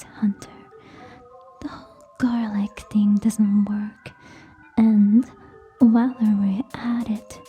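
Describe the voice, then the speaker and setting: In a scripted ASMR roleplay, a woman voices a haughty, teasing tsundere vampire, whispering close to the mic in a scornful, deliberate way. Her voice is mid-range with a dark tone, and she sounds amused and mocking.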